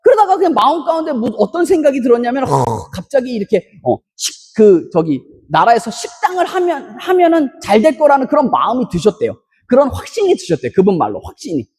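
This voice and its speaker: A Korean pastor preaching an emphatic sermon in a church, breaking into loud shouted bursts between storytelling asides. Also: mid-range voice, big pitch swings, fairly quick, few pauses, slightly rough. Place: church sanctuary. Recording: long reverb of a church hall.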